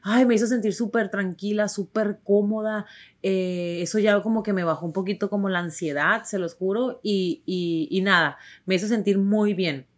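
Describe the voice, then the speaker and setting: A young actress from Tijuana, speaking with a northern Mexican accent, tells viewers her story at a normal speed. Her medium-pitched voice stays steady in tone, while her delivery is chatty, warm and emphatic, packed with fillers and restarts.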